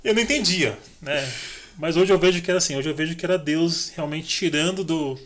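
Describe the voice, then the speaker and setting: A middle-aged man talks quickly and a little high, telling his story to a podcast host. He acts out each exchange and switches into the other people's lines as he goes. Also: a little hiss or hum. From Brazil. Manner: animated, acts out dialogue in his stories. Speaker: podcast guest. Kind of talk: casual storytelling.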